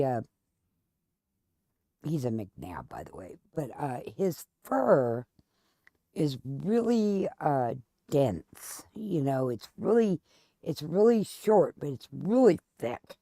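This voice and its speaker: Gravelly-voiced woman chatting while gaming. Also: rumbling low, big pitch swings, takes it slowly, mellow, no echo, clean studio sound. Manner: rambling, chatty storytelling with many restarts. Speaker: gaming channel host. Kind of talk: casual chat while playing a game.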